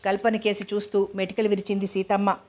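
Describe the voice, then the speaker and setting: A woman narrates a novel in a measured, even way. Her pitch sits in the middle and barely moves, so every line comes out in the same level tone. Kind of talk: reading a novel aloud.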